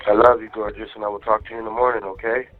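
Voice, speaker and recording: A man's voice: fairly low pitch, little pitch movement, racing, faint music behind. A man talking to his wife on a prison phone line, in a casual, slangy and affectionate way. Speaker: jail inmate calling his wife. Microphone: jail phone handset. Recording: tinny jail phone line.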